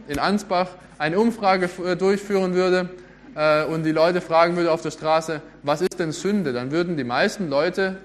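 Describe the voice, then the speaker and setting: A middle-aged man, preaching a conversational sermon and asking the audience questions. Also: high voice.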